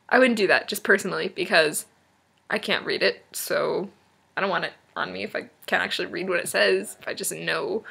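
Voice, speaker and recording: A young woman from Maine chats to a friend through her webcam at home, rambling and laughing at herself. Her voice is bright and crisp on top with a gravelly fry underneath. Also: medium pitch. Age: young adult. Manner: rambling, giggly, self-deprecating. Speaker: vlogger. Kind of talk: casual chat to a friend.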